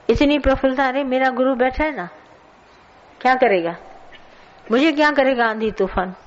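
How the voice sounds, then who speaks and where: A woman's voice: fairly high pitch, dull audio. A woman giving a colloquial spiritual sermon, scolding and telling stories to her listeners. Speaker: spiritual teacher. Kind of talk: satsang sermon.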